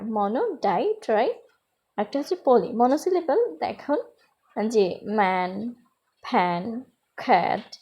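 A woman teaching a spoken English grammar lesson. She explains step by step and slows down to say each English example with care. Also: on the high side, darkish tone, slightly rough.

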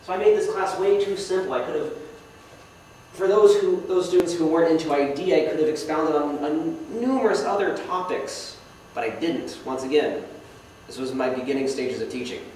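A young man's slightly mellow, high-side voice carries at a moderate pace as he guest-speaks to a club in a meeting hall. The slideshow talk is casual; he puts himself down jokingly and asks the audience questions. The recording picks up hall echo and faint noise from a distant mic.

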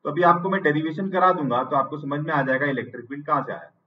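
A male teacher with an Indian English accent giving an online exam-prep lecture. He dictates notes slowly, repeats phrases, and asks and answers his own questions. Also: fairly high pitch, recorded from a distance, muffled recording.

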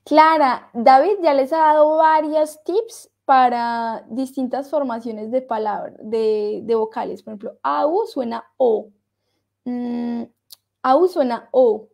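A woman with a fairly high voice leads a French lesson, explaining in Spanish and switching back to French. She talks at an unhurried pace. She says tricky words over and over, so her students can hear each sound. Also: creaky, a little mellow. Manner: slow, repeats words to drill pronunciation. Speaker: French teacher. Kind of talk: online language lesson.

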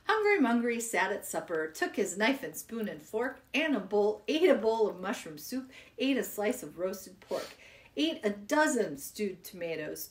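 A woman reading children's poems aloud in a playful, giggly way. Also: mid-range voice. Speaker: poetry reader.

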